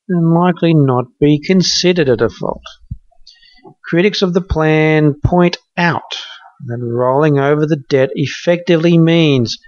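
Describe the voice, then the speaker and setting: A man reading financial news for a podcast in a measured way, marking quotes aloud. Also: medium pitch, no echo, dull audio.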